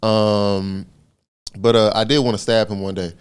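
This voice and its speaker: Smooth-voiced man joking as co-host. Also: fairly low pitch, a little slow. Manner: joking, deadpan with bursts of laughter. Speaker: podcast co-host. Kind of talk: casual comedy chat.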